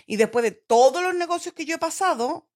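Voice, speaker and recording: A middle-aged woman with a Chilean accent, chatting with her family and telling animated stories. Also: sits high, fairly quick. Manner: animated storyteller, acts out her own inner voice. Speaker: mother and co-host. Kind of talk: casual family chat.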